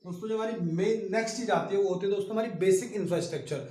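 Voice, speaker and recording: A man's voice: high-pitched, rapid-fire, a little mellow, reverberant. A man teaching an online exam-prep lesson. He explains things patiently and keeps stopping to speak straight to his listeners. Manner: explains patiently, often stops to address the listeners directly. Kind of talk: online classroom lecture.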